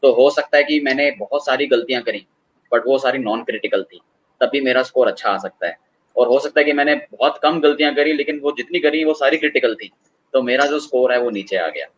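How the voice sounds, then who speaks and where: A man explaining online assessment tools as a guest, in a measured and hesitant way, calling the host sir. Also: mid-range voice, lo-fi sound. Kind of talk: conversational explanation.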